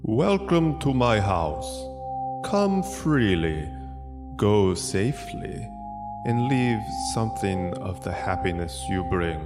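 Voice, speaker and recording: Slow, swooping, sinister Count Dracula. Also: male voice, on the low side, very animated, exaggerated voice. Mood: grandly welcoming. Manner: slow, deliberate, theatrical delivery. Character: old cruel, courteous vampire count with sinister menace. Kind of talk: gothic audio drama acting. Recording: long cavernous reverb with music.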